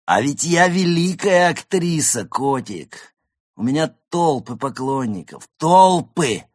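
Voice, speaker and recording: A man voices a tipsy goose prima donna in a storybook, flinging her high, wailing lines about with big theatrical swoops. The voice sits far above the low, dry reading voice behind it and bursts out loud, drawn-out and grand. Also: lively intonation, no room sound. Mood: dramatic. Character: drunk, dramatic female goose stage diva. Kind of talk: audiobook character voice.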